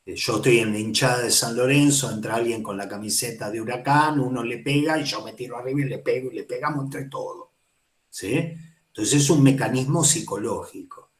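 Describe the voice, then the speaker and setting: Man, Argentine accent, relaxed lecturing teacher, rambling, keeps asking "¿sí?", roomy echo. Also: mid-range voice, fairly quick. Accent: Argentine Spanish. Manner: digressive, conversational, checks in with "¿sí?". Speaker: psychoanalysis teacher. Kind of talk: casual university lecture.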